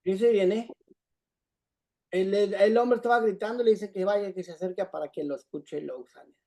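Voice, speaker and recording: Mellow-voiced Bible study teacher. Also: medium pitch, normal speed. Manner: repetitive, checks in with "¿sí?". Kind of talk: scripture teaching.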